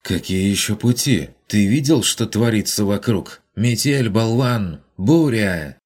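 A man voicing a furious stranded woman who shouts commands with a hoarse, shrieking edge. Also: sits low, fairly even intonation, normal speed, voice pushed up, lightly acted. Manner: imperious, insulting, demanding. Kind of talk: audiobook character voice.

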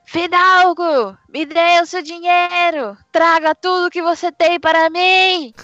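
A woman's voice: high-pitched, expressive, moderate pace, fairly bright tone, dry recording, lo-fi sound. A woman voicing a tiny, cheeky boy hero of a fairy tale, with cocky, laid-back slangy talk. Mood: bellowing.

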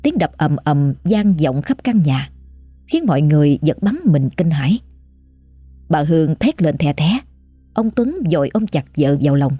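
Woman reading a ghost story, low husky voice, slow and creepy, soft music behind. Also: big pitch swings, no room sound. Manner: measured, suspenseful delivery. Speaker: narrator. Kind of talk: scripted ghost story narration.

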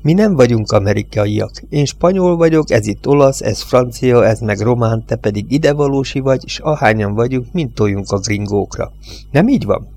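A man reading an audiobook voices a gruff, impatient truck driver who talks bluntly and mockingly. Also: medium pitch, lively intonation, a little mellow. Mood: coaxing.

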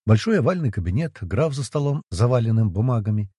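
A man's voice: medium pitch, very animated, a little fast, dark tone, husky, dry recording, studio quality. A man narrating an audiobook.

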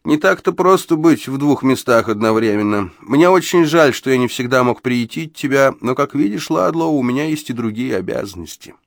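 A man's voice: mid-range voice, expressive, normal speed, gravelly, few pauses, no room sound, studio quality, voice pushed up. A man doing a mild old vault keeper. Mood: apologetic. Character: mild elderly male keeper of a secret vault. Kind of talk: audiobook character reading.

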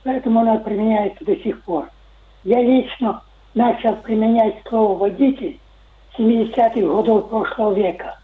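A man's voice: high-pitched, fairly even intonation, moderate pace, dark tone, reverberant, low-quality recording. An older man calling in to a radio show, speaking in a formal, wordy, technical way. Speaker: caller. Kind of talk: radio call-in comment. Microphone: telephone.

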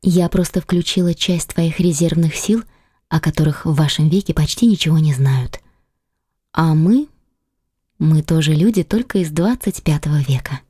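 A woman voicing a calm, self-assured woman from the far future, speaking simply and gently, sometimes nearly in a whisper. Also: low-pitched, normal speed, slightly rough, no echo, clean studio sound. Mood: calm, gentle. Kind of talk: audiobook dialogue.

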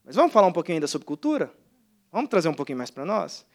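A man's voice: fairly high pitch, very fast. A man from Goiás, Brazil, with a Goiás accent, preaching a sermon as a pastor and telling stories with acted-out dialogue. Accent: Goiás Portuguese. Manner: animated storytelling with mimicked dialogue.

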